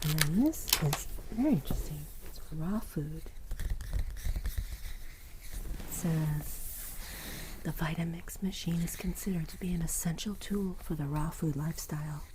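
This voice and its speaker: Whispering ASMR woman, slow and hushed. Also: sits low. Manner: slow, hushed, murmuring commentary while reading items aloud. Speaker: ASMR video host. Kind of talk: soft-spoken ASMR, mostly whispered, browsing recipes. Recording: close recording with clear background noise.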